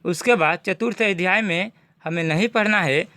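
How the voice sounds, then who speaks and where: Male teacher, high-pitched, dry close recording, methodical and repetitive. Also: moderate pace, pushed and bright, no echo. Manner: methodical, repeats points for students. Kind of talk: syllabus walkthrough lesson.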